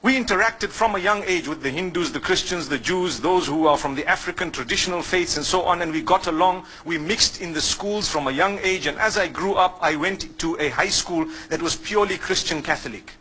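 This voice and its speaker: A man's voice: a little high, fairly quick, hardly any pauses, pushed and bright, a little hiss or hum, low-quality recording. A man from Zimbabwe giving a sermon as an Islamic preacher, speaking conversationally and putting questions to the listeners before answering them himself.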